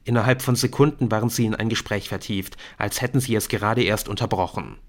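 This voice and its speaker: A man reading a novel aloud in steady, scripted narration. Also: lowish voice, a little fast. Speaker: audiobook narrator.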